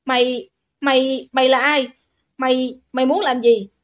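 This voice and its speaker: A cowering older father who stammers and spits curses, voiced high and a little loud for a man, as a woman narrator puts him on. A storybook villain caught out. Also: a little fast, dull audio, close to an everyday voice. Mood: stammering fear.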